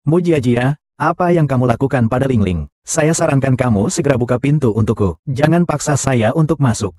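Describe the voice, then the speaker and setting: A man voicing all the roles of a dubbed short drama in the same flat, even delivery, recorded close on a studio mic. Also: medium pitch, a little fast, no room sound, natural voice.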